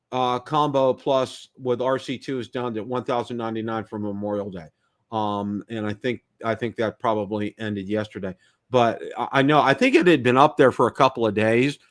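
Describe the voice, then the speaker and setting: A middle-aged man hosting a casual live stream, talking in a rambling, chatty way with many fillers and restarts, with temporary teeth after oral surgery. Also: medium pitch. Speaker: host of a live drone show.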